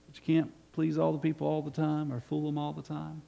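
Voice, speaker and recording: A man preaching a live sermon in a church, swinging between quiet asides and loud, fervent passages. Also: fairly high pitch, monotone, brisk, creaky. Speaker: pastor. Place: church sanctuary.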